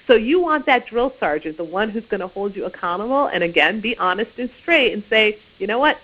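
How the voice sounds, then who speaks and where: A woman's voice: medium pitch, lively intonation, a little fast. Tinny-sounding woman giving career advice. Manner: conversational, often says "you know", restarts phrases. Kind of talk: informal instructional talk.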